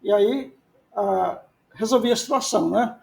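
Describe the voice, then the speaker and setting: In a classroom lecture on biblical Hebrew, a pastor with a high, darkish voice and audible vocal fry speaks at a measured pace. He repeats his key points and answers the questions he poses himself.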